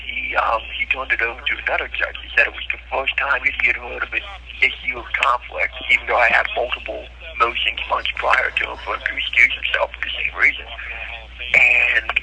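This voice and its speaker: A man calling over a prison phone line, recounting his court troubles earnestly and haltingly, with frequent ums and restarts. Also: medium pitch, vocal fry, sharp tone, slight background noise. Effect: heard over a prison phone line.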